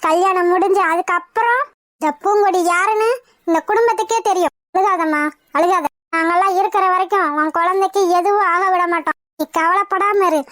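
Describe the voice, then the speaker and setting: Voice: very high voice, a little fast, pushed and bright, no echo, studio quality. A voice actor playing a fierce, protective middle-aged mother-in-law in a cartoon, commanding and scolding. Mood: soothing. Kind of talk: cartoon voice acting.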